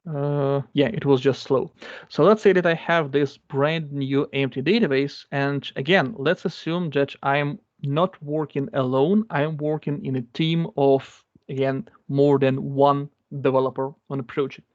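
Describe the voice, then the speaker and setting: A medium-pitched man talks a little slowly with fairly even intonation, leading a live coding database demo as a guest speaker. He uses English, not his first language, explaining loosely with repeated phrases and plenty of fillers. The sound from his computer mic is dry, dull, and lo-fi.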